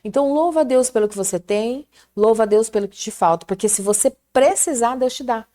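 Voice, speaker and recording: A middle-aged woman with a Brazilian Portuguese accent giving an animated, fervent faith testimony in casual chat. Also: a little high, fairly quick. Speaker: prayer group guest.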